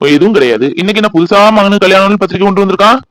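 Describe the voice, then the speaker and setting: A bitter, quick-tempered husband from an animated family drama, played by a man. He scolds in rapid, sarcastic bursts at a slightly raised pitch. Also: no room sound, rough recording. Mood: angry. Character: gruff resentful husband, middle-aged, quick-tempered.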